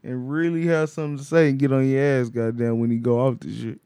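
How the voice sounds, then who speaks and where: A man's voice: medium pitch, steady tone, quick pace, dark tone, clear, resonant tone, dry recording, clean studio sound. Slangy man repeating blunt verdicts. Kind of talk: casual football debate.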